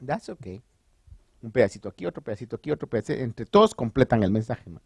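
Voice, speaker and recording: A man preaching a sermon as pastor, conversational and animated, asking the congregation rhetorical questions and dropping in English phrases. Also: medium pitch, fast, creaky, slightly rough, no room sound.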